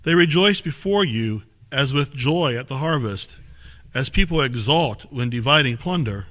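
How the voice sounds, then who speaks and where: A lay reader reads scripture aloud at medium pitch during a church service, keeping a steady, measured pace. The small sanctuary is captured by a distant camera.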